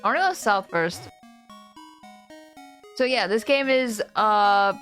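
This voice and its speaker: Playful, animated woman gaming. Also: mid-range voice, slow, faint music behind. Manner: playful, joking, exclaims and mutters. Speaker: gamer playing a game for the first time. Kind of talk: casual playful gaming commentary.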